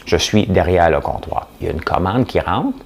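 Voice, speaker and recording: A man with a Quebec French accent hosts his show with a low, deep voice. His intonation rises and falls in a lively way as he delivers a blunt, joking monologue. He keeps throwing rhetorical questions at the listener. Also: normal speed, creaky, husky. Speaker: podcast host. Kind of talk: casual opinion monologue.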